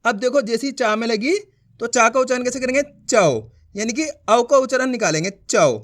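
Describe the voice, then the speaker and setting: A woman teaching beginners to read, patiently stretching out syllables and saying each sound twice, stopping often to check that the class understands. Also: a little high. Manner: checks understanding with quick questions. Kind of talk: beginner reading lesson.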